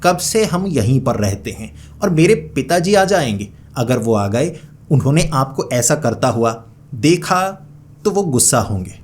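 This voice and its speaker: A man voicing a polite boy who speaks softly and respectfully, pleading with someone. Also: medium pitch, sing-song, a little slow.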